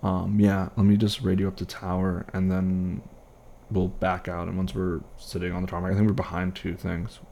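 A man playing an easygoing airline pilot, chatting casually and haltingly with a colleague in a one-sided role-play. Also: sits low, monotone, vocal fry, dark tone, slight background noise. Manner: casual, halting, reassuring co-worker chat.

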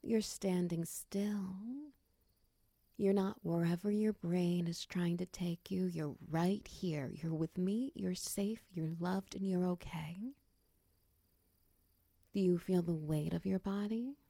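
A woman in a close-mic comfort roleplay, speaking softly and soothingly to a partner, slipping into whispers and guiding slow breathing counts. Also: fairly low pitch, fairly even intonation, gravelly, no echo. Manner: soft, soothing, slips into whispers.

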